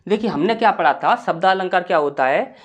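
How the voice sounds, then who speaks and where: Hindi grammar teacher explaining step by step. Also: male voice, sits high, fairly quick, fairly bright tone, muffled recording. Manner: explains step by step with repeated rhetorical questions. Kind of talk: classroom lesson.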